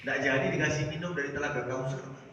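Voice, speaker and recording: A man from Jakarta giving a dawn sermon in a small prayer house, asking the congregation questions and answering them himself, rising loud on key words and dropping low at line ends. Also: fairly even intonation, fast. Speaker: preacher. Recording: echoey, distant, dull sound with faint noise.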